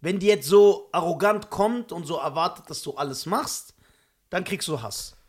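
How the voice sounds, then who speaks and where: A man's voice: a little high, moderate pace. A man from Germany co-hosting a podcast in casual chat, teasing and joking, laughing often. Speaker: podcast co-host.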